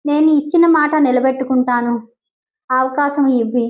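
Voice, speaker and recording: A woman's voice: high-pitched, fairly even intonation, moderate pace, dull audio, close to an everyday voice. Woman voicing a grave elderly patriarch. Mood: earnest. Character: stern elderly businessman, guardian figure.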